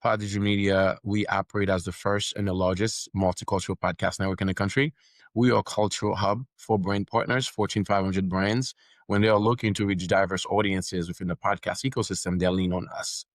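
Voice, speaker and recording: Brisk and low-pitched, with fairly even intonation, this middle-aged podcast network founder from Haiti talks as a guest on a casual interview. He has a Haitian accent, grew up speaking Haitian Creole, and comes across confident and businesslike, repeating words as he develops his argument. There's no echo.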